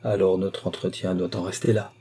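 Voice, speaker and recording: A man's voice: deep voice, little pitch movement, a little fast, dark tone, breathy edge. A man voicing a proud, principled young man who answers his mother firmly and earnestly. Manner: earnest, firm.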